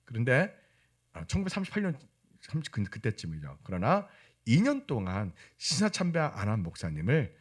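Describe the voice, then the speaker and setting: A male pastor preaching a sermon in a church, animated, often acting out the voices of people in his stories. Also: mid-range voice, normal speed, husky.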